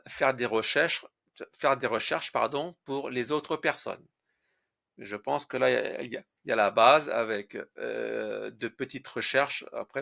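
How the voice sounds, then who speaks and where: Guy teaching french conjugation, slow and careful, a bit of fry in the voice, spells out endings. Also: mid-range voice, a bit bright. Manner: slow, deliberate, spells out word endings letter by letter. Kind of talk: French grammar lesson.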